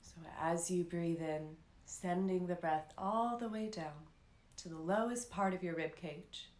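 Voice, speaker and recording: She guides a live meditation in a calm, soothing way, taking her time and letting long pauses hang. Her voice runs on the low side, and the recording sounds roomy.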